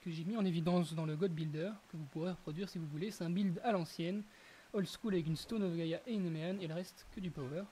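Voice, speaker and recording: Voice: mid-range voice, quick pace. A gaming commentator explains gameplay in a casual, explanatory way, stopping and restarting with fillers and self-corrections. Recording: steady background hiss.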